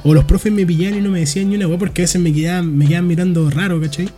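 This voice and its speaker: A man's voice: sits high, fairly even intonation, racing, warm tone, faint music behind. A young Chilean man telling rambling stories in casual podcast chat, full of slang. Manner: rambling storyteller, heavy slang. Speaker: podcast co-host.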